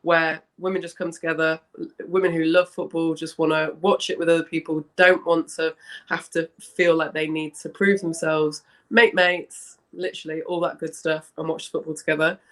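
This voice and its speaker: Chatty young woman with a smoky, hoarse rasp. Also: sits low, level tone, normal speed, a bit bright. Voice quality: slightly husky, smoky rasp. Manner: chatty, rambling, self-correcting. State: hoarse from a bad cough. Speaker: interview guest, founder of a women's football fan community. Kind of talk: casual interview chat.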